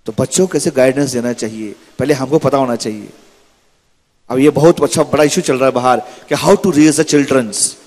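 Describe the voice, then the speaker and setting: A man's voice: medium pitch, normal speed, darkish tone. A man giving a sermon in a temple hall, telling stories with acted-out dialogue. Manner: dramatic storytelling with acted-out dialogue. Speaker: preacher.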